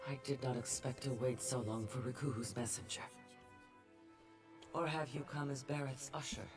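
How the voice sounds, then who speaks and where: A woman's voice: extremely low pitch, steady tone, normal speed, music in the background. A woman voicing the ghost of a proud dead navigator, speaking in a stately, formal, aggrieved way. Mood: wary.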